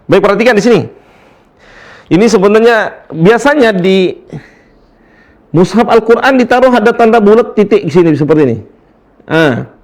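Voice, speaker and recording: A man teaching a casual recitation lesson, explaining rules and then chanting verses slowly and drawn out. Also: high voice.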